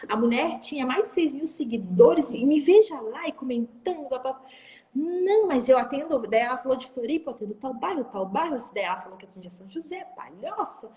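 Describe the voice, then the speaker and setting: A woman, a guest in a live-stream interview, talking in an animated way and acting out sales calls. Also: high-pitched, a little fast, big-room sound. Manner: animated, acts out phone calls and sales talk. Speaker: entrepreneur guest. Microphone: phone or video call.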